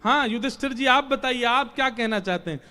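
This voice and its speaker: A man voicing a divine male god in a storytelling sermon, coaxing and lively as he questions and teases. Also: very high voice, a little fast, smooth, soft background music, pitched above the performer's own voice. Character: divine male god, playful and guiding, teasing.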